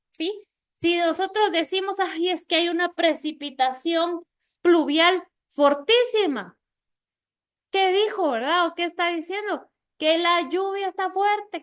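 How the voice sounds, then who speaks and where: A woman teacher lecturing a class, explaining with everyday examples and often checking in with "¿verdad?". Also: very high voice. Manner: acts out little quoted scenes in lively voices.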